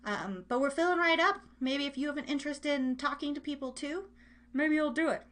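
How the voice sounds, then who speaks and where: Here a live radio and podcast host chats casually on her online show, playful and rambling, breaking into her own sentences as she speaks straight to her audience. Her voice is high, brisk, and a bit bright.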